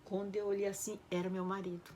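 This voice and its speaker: A woman tells her own story in a lively, heartfelt way. Her voice sits in a middle pitch, and she keeps turning to her listeners. A faint noise runs under the recording. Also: quick pace. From Belém, Brazil. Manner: emotional, animated, keeps addressing listeners as "gente". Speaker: storyteller recounting her life. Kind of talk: casual personal storytelling.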